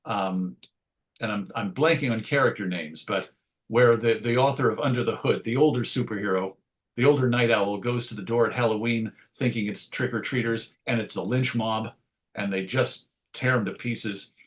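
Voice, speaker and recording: Speaking at normal speed in a fairly low voice, this middle-aged writer and radio host looks back casually on the past as an interview guest. He rambles and hesitates, frequently cutting himself off to begin a thought again.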